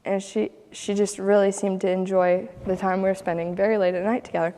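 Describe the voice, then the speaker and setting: A woman's voice: medium pitch, flat delivery, brisk, mellow, long reverb tail. A young woman from Ohio casually telling a personal story as a guest, chatty and laughing often as she acts out what others said. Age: young adult.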